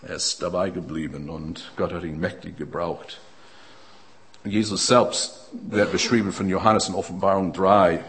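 Earnest preacher man, swelling and softening. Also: low voice, steady tone, a little hiss or hum. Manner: earnest, swings between loud emphatic peaks and quiet reflective passages; non-native German phrasing with halting restarts. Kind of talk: sermon.

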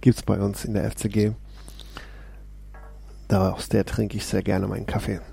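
Man, devotional host, dark husky voice, eager asides to viewers. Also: fairly low pitch, flat delivery, normal speed, faint music behind. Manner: enthusiastic, exclaims often, speaks straight to viewers. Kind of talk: casual devotional talk with Bible reading.

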